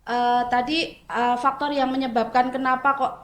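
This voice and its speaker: A middle-aged woman teacher, explaining things in a casual podcast chat and pausing often on fillers. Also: sits high, steady tone, fairly bright tone. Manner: explanatory, hesitant with many fillers. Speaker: teacher guest. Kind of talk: casual school podcast discussion. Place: school studio.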